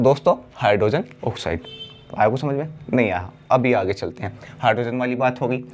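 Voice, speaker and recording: Man teaching chemistry, drawn-out answers. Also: mid-range voice, slight background noise. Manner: asks the class questions and answers himself, stretching key words. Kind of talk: blackboard lesson.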